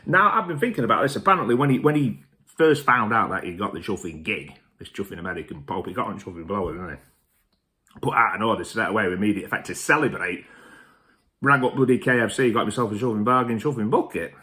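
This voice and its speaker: A man's voice: fairly low pitch, lively intonation, quick pace, bright, forceful tone. A man hosting a show in a boisterous, sweary, rambling comic rant to camera. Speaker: host.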